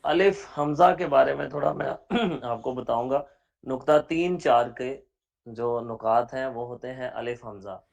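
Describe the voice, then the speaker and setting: Man spelling out words slowly in a lesson. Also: mid-range voice, creaky. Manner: spells out words letter by letter, slow and deliberate; patient, repeats examples. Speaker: Braille teacher. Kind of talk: online class lesson.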